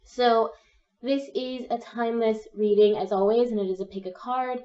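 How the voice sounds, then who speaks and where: Nursing a cold, a young woman gives a gentle, encouraging pick-a-card tarot reading in a slightly croaky, soft and mellow voice. She speaks at a fairly high pitch with fairly even intonation and a moderate pace, and the dull audio sounds a little distant, as though she sits back from the mic.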